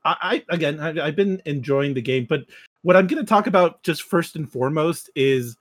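A man speaking as a podcast guest in casual, halting explanations. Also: a little high, dry recording, clean studio sound. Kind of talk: casual talk about video games.

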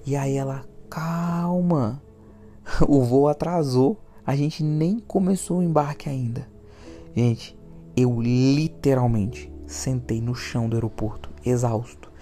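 A man with a Brazilian accent, hosting a podcast and telling a personal story in a lively way, repeating words for emphasis. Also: medium pitch, unhurried, soft background music. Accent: Brazilian Portuguese. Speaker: podcast host.

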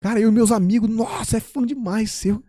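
A man in casual chat, excitedly retelling a prank he pulled, quoting the dialogue. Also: high voice, fairly quick, no echo, studio quality. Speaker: guest telling a prank story.

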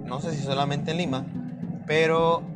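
A man's voice: on the high side, steady tone, normal speed. A young Mexican man with a Mexican accent chatting casually as a podcast host, rambling and slangy, with lots of fillers. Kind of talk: casual chat. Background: guitar music.

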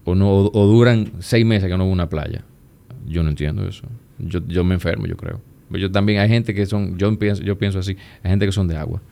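A man with a Dominican accent, chatting as a guest and telling stories in a relaxed, easygoing way. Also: low voice, brisk, vocal fry. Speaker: guest, plastic surgeon. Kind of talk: casual conversation.

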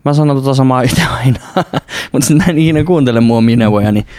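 A man's voice: mid-range voice, darkish tone, dry recording, clean studio sound. A young man, rambling and swearing a lot as he hosts a casual solo podcast. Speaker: podcast host. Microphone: studio mic close up.

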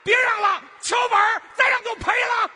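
A man putting on a male shop helper who shouts to his boss in a strained, shrill voice. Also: fairly even intonation, normal speed, big-room sound, over a noisy crowd, heavy background noise. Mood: straining shout.

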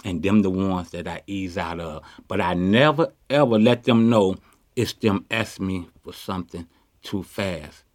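A deep-voiced man from Chicago, in his fifties, boasts in street slang as someone interviews him on a city street. He talks a little slowly in this candid conversation, captured on a handheld mic with clean studio sound and no echo.

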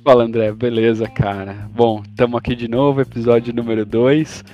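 Brazilian portuguese accent dude co-hosting a podcast, medium voice, casual explainer chat, faint music. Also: male voice, mid-range voice, little pitch movement, moderate pace, lo-fi sound. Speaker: podcast co-host.

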